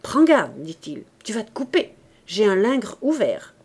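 A woman's voice: fairly high pitch, very animated, unhurried, a little mellow, breathy edge, heavily acted. A woman voicing a cool young male thief who speaks curtly and sardonically.

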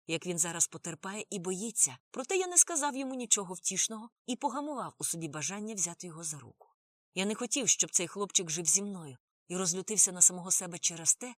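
A woman narrating a novel as an audiobook, reading expressively with sudden lifts and drops in pitch. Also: dry recording.

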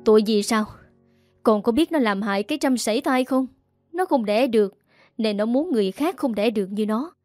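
A woman's voice: on the high side, lively intonation, a little fast, a little mellow, no echo, soft background music, natural voice. A woman voicing a furious, cruel middle-aged mother-in-law who scolds harshly.

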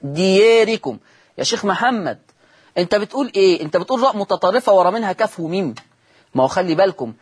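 A man's voice: high voice, slightly rough. A man with an Egyptian accent teaching Quran recitation on a broadcast lesson, drawing out recited words and quizzing his listeners. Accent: Egyptian Arabic.

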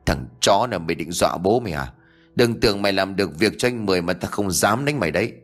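A coarse, bullying gangster , voiced by a male storyteller, growls in a low voice. He speaks fast, mocking and rough. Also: expressive, soft background music. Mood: threatening.

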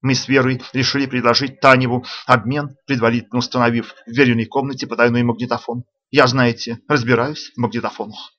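A man's voice: mid-range voice, flat delivery, fast, few pauses, a bit bright, lightly acted. A man voicing a nervous male electrical engineer who keeps justifying himself. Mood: earnest. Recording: dull lo-fi audio.

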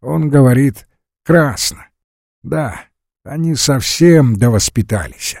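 A man's voice: mid-range voice, lively intonation, slow pace, creaky, darkish tone, no echo, studio quality, pitched above the performer's own voice, exaggerated voice. A man reading an audiobook voices a poised, inquisitive provincial noblewoman with pointed questions. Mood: probing.

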